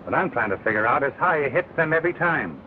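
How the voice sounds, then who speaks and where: An actor, playing a polite, earnest young sheriff in a 1930s western. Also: male voice, mid-range voice, sing-song, fast, close to an everyday voice. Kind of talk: 1930s film western acting. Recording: tinny noisy 1930s film soundtrack.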